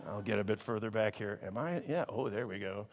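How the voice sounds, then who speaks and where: A man from Chicago, giving a comedic keynote speech to a conference audience, with animated, mock-outraged punchlines. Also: fairly low pitch, fairly quick, slight background noise. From Chicago, United States. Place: large conference hall. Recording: long hall reverb.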